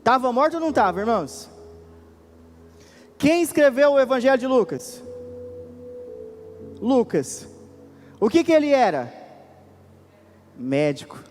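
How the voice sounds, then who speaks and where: A Brazilian man preaching a sermon as pastor, swinging between raised and hushed delivery and questioning the congregation. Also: very high voice, sing-song, a little slow, pauses often, long reverb tail, a little hiss or hum. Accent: Brazilian Portuguese. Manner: preaching with sudden rises and drops, questioning the congregation. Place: church.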